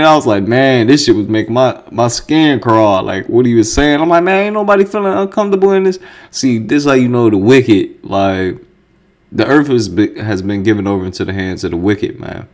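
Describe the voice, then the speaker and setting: Man, low-pitched, reaction video host, casual slangy commentary, animated, incredulous, swears a lot.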